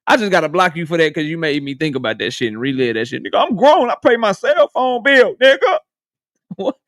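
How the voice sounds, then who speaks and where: High, smooth-voiced man roasting his chat. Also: very animated, fairly quick, fairly bright tone, dry recording, clean studio sound. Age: 30s. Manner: joking, roasting chat members, laughs often. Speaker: live stream host. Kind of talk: casual live stream chat with viewers.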